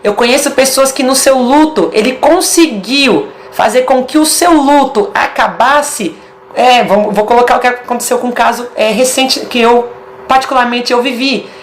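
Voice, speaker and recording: A woman's voice: on the high side, moderate pace, slight background noise. A woman with a Brazilian Portuguese accent giving a casual video sermon, emphatic and stacking short repeated phrases.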